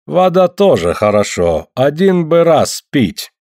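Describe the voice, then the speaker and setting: A man voicing a slow, patient old northerner. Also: a little high, very animated, a little mellow, no room sound, studio quality, voice pushed up, full character voice. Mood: deliberate. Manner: broken, simplified speech, slow and deliberate.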